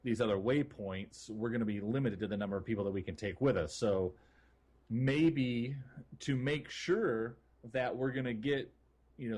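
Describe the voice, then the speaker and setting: A man co-hosts a gaming podcast, chatting in an informal, conversational way. His voice is mid-range with a darkish tone.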